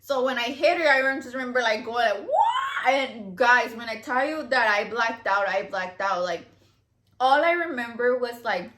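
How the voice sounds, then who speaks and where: A woman's voice: fairly high pitch, moderate pace, a bit bright, raised voice. A woman telling a long story to her viewers in casual chat, rambling with lots of fillers and cursing freely. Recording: echoey room.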